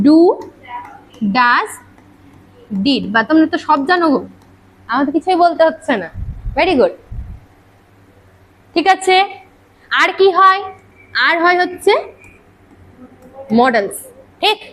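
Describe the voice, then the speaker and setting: Woman teacher, very high pitch, classroom lecture, quizzing and scolding pupils. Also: a bit bright, low-quality recording. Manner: quizzing students with rhetorical questions, brisk and scolding. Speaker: English grammar teacher. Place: classroom with students.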